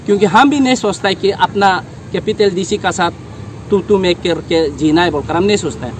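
A man's voice: high voice, a little hiss or hum. A village council leader speaking emphatically at an outdoor press briefing, pressing his appeal with rising force.

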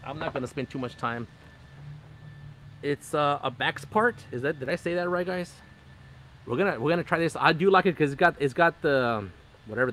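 A man's voice: a little high, a bit bright. A middle-aged man hosting a fishing channel, chatting casually on a live stream from his backyard, with plenty of fillers, restarts and bursts of laughter. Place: outdoors in a backyard under a canopy. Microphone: phone camera close up.

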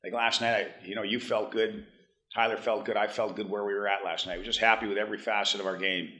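Brief: man in his 50s, hockey head coach, postgame press room, halting and blunt, bright timbre. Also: fairly low pitch, fairly even intonation. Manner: halting, restarts often, blunt and frank. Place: press room in front of a team backdrop.

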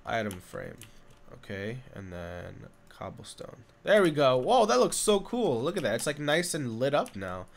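A young man with a stuffy nose from being sick, rambling casually over his gameplay with lots of fillers and bursts of excitement. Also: medium pitch, measured pace, vocal fry. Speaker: gaming YouTuber. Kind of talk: casual Minecraft let's play commentary. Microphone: condenser desk mic.

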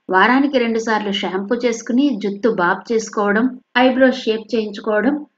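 Woman narrating a novel, lo-fi. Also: on the high side. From coastal Andhra, India. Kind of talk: scripted narration. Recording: dull lo-fi recording.

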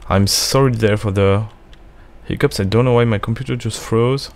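A man's voice: on the low side, moderate pace. A man giving casual, anxious gameplay commentary while he plays, muttering to himself. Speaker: gaming video host.

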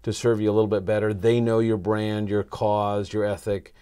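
With a warm, clear, resonant voice on the low side, a middle-aged American marketing consultant answers as a podcast guest at a moderate pace and with flat delivery. He's conversational and earnest, acting out bits of dialogue, and speaks into a lapel mic in a small indoor studio.

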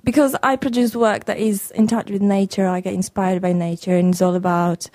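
A woman with a Slovakian accent answering as a guest in a radio interview, speaking haltingly as she searches for words. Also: mid-range voice, level tone, darkish tone, no echo. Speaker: guest artist, painter and sculptor. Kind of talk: live radio interview chat.

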